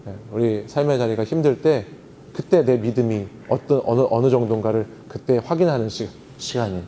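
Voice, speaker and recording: A male pastor leads a seminar on Bible meditation at a church youth retreat. His tone is mellow and he teaches with questions to the room. The sound carries a long hall reverb over faint ambience. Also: mid-range voice, fairly quick, a little hiss or hum. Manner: teacherly, asks the audience questions and answers himself.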